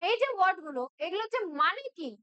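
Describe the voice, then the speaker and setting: A woman from West Bengal teaching spoken English in a classroom-style lesson. She keeps checking in with her listeners and says English examples slowly and deliberately. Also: extremely high pitch, sing-song, bright, forceful tone.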